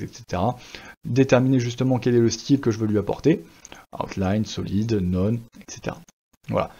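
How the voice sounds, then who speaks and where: A man teaching a screen-recorded software tutorial in a chatty way, with many fillers. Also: fairly low pitch, slightly rough, lo-fi sound. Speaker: web design instructor.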